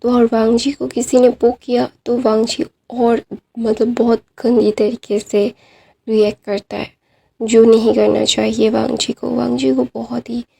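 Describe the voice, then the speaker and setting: A woman's voice: a little high, level tone, measured pace, creaky, mellow, slightly rough. A woman retelling a fan-fiction story in a casual, informal way, with many fillers and restarts.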